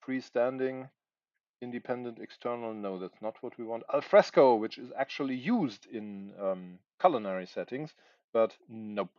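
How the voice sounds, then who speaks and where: On a livestream, a man in his forties, German by first language, voices his thoughts as he writes, hesitating and groping for the right words. His medium-pitched voice has a darkish tone and a moderate pace, and the audio is dull with no echo.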